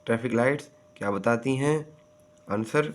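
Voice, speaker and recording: A man with a Pakistani accent teaching a grade-school textbook exercise, reading each sentence carefully and then translating it. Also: mid-range voice. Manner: deliberate, reads English lines slowly, then explains. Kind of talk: slow bilingual lesson, reading then translating.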